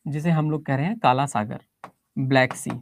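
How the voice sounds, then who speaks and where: A woman's voice: very deep voice, normal speed, a little hiss or hum. A woman teacher giving a geography lesson, explaining step by step, checking in with her students and mixing English phrases into her Hindi.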